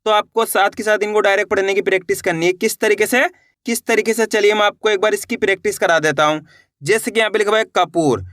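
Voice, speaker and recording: A man teaching children to read, sounding out each letter slowly and then repeating the whole word. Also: sits high, a bit bright, no room sound, clean studio sound. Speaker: Hindi reading teacher. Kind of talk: patient spoken lesson.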